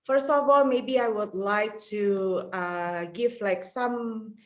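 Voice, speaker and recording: A woman's voice: mid-range voice, takes it slowly. Chatty woman from Indonesia presenting. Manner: chatty, fillers like "like" and "right?". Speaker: panel speaker. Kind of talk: conversational presentation. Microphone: video call.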